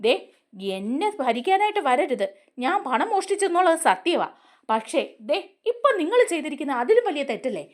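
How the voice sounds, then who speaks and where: A woman's voice: sits high, big pitch swings, brisk. A woman voicing an angry young man from a TV serial, accusing and raising her voice. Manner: accusing, raised voice.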